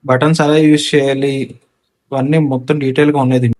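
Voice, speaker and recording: In a quick, medium-pitched voice that barely rises or falls and has a darkish color, a man with a Telugu accent reviews gear. It's a casual unboxing and installation walkthrough, with English technical words mixed in.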